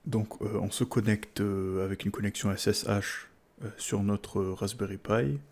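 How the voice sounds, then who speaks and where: A man with a French accent explains a tech install in a casual screen-recorded tutorial. He is hesitant, repeating words and using many "euh" fillers and restarts. His voice is fairly low, steady, unhurried and darkish in tone.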